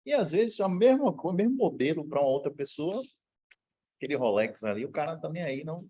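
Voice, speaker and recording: A man's voice: a little high, animated, fairly quick, mellow, breathy edge, low-quality recording. A man from Brazil, a law professor, giving a university lecture in a casual, slangy way with anecdotes. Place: lecture room.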